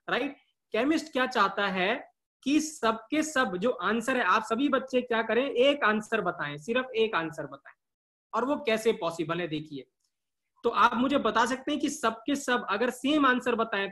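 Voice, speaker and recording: A man's voice: very high-pitched, expressive, a little slow, sharp tone. A male chemistry teacher giving a live online class. He keeps asking questions and answering them himself, and drills key terms by repeating them.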